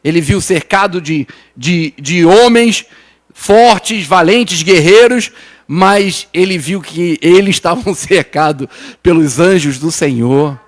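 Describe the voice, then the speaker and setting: A Brazilian pastor with a São Paulo accent and a high voice preaches to his congregation. He talks informally, stumbling and repeating words and checking in with "né?". His delivery swings from urgent, raised appeals down to soft, hushed reassurance. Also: takes it slowly. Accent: Brazilian Portuguese, São Paulo. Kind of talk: sermon.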